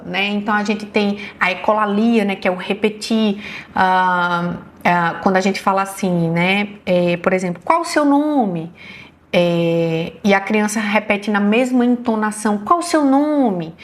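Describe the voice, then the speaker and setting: A woman's voice: medium pitch, unhurried. A woman with a Brazilian Portuguese accent giving an online health lecture as a neurologist, explaining patiently and often checking in with her listeners.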